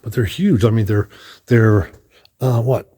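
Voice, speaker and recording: His lowish, husky voice has a dark tone and an unhurried pace. He's a vlogger touring a building on foot, moving through hallways and large rooms while chatting loosely, thinking aloud, restarting lines, and sounding somewhat out of breath.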